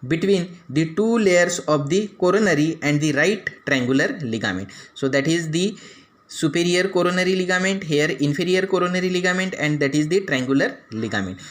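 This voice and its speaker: Male anatomy lecturer, Indian English accent, slightly higher voice, methodical pointing-out delivery. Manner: explains step by step, pointing out structures; frequent "that is" and "after then" phrasing.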